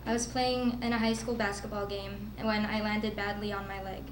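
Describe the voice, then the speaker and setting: As a student speaker at a school event, a teenage girl from the Philippines gives a heartfelt prepared speech with some nervous laughter. She talks at a moderate pace in a flat, mid-range voice, against a noisy background in an echoey room with faint ambience.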